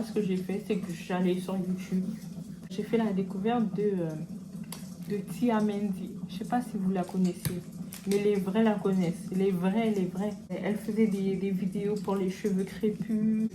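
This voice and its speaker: Young woman, mid-pitch, casual slangy makeup-vlog chat, noisy home recording. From French Guiana. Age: young adult. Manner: chatty, relaxed slangy asides. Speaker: beauty vlogger.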